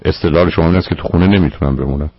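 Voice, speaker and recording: Gravelly male radio advice host. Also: very deep voice, dry recording, dull audio. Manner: probing, lecturing, firm. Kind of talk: call-in advice counseling.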